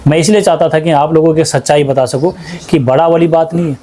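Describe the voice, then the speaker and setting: A man's voice: on the high side, fairly even intonation, quick pace, warm tone. A man working as an ayurvedic practitioner, speaking with emphatic, repetitive insistence in a small clinic. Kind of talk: earnest testimonial talk.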